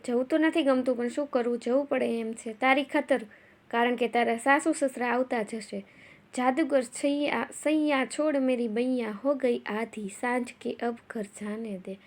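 A woman's voice: fairly high pitch, fairly even intonation, moderate pace, natural voice. A woman voicing a smug young man who blackmails his ex-lover, mocking her and singing old film songs off-key.

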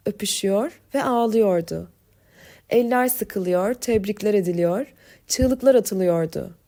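A woman narrating an audiobook novel in a measured, expressive way. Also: medium pitch.

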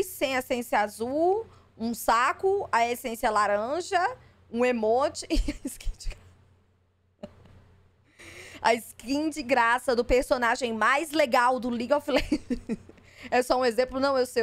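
Skeptical high-voiced streamer woman. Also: a little slow, a bit bright. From Brazil. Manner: skeptical, exasperated, swears freely. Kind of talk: live stream reaction.

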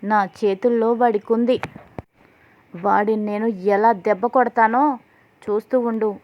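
A cruel young husband from a family drama retelling makes vengeful threats, read out by a woman. The voice stays fairly high and flat. The audio is slightly dull. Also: a little slow, a little hiss or hum, natural voice. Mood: menacing.

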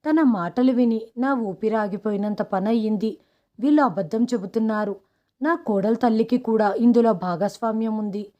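A woman reading a first-person story aloud in a steady, dramatic way. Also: a little high. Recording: dull lo-fi audio.

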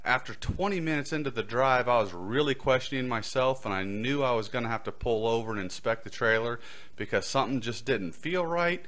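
A middle-aged podcast host with a medium-pitched, fairly bright voice speaks fairly quickly. He tells a prepared personal story into a close boom-arm microphone in a small indoor studio.

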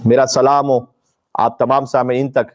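In a muffled recording, a preacher with a mid-range voice speaks at a measured pace with a level tone. He gives an impassioned, emphatic sermon, declaiming mournful stories in an indoor room with draped religious banners, broadcast via live stream.

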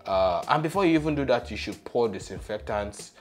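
A man's voice: mid-range voice, expressive, brisk, faint music behind. A young man hosting a poultry channel, explaining a hands-on demonstration step by step with emphasis, on a lapel mic in a small studio room.

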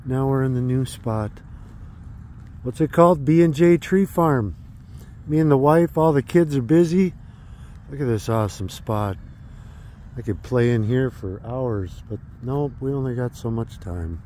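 An upbeat man in his thirties chats excitedly while filming himself on a phone held at arm's length. His voice is mellow and dark, with a little faint noise outdoors behind him. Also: mid-range voice, a little slow. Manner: enthusiastic, chatty, exclaims often. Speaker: vlogger. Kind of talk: casual vlog narration. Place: outdoors at a Christmas tree farm.

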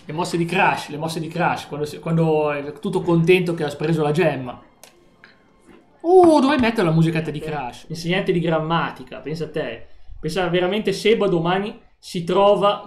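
A man's voice: a little high, animated, moderate pace, roomy sound. A man streaming a video game, joking playfully with his chat and friends. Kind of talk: live gameplay stream chat.

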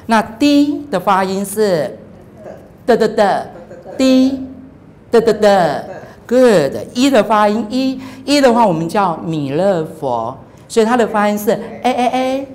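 A woman in her forties teaching English phonics on television, upbeat and full of praise. She models each sound with drawn-out repeats and mixes English words into her talk. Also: medium pitch, lively intonation, a little mellow. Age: 40s.

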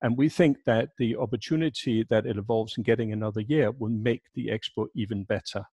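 Man, 60s, pavilion director on a headset video call; low, husky, measured, filler-heavy, dry. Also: dark tone, no room sound, dull audio. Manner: measured, with frequent fillers and restarts. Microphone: headset mic on video call.

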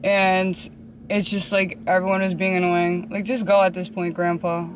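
A woman's voice: fairly low pitch, little pitch movement, moderate pace, noisy background. A woman in her twenties chatting casually to her phone camera in a slangy, blunt vlog style with some swearing. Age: 20s. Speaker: vlogger.

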